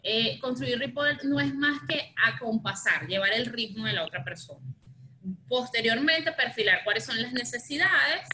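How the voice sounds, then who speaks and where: A woman's voice: fairly high pitch, bright, forceful tone, a little hiss or hum, poor audio. A woman giving a training talk on negotiation, explaining with many fillers and restarts. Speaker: director presenting a training session.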